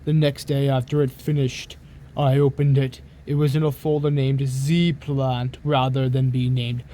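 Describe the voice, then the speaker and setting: A man giving a dramatic reading of a horror story, theatrical, with drawn-out emphasis on some phrases. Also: medium pitch, mellow, a little hiss or hum. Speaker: narrator reading a creepypasta aloud.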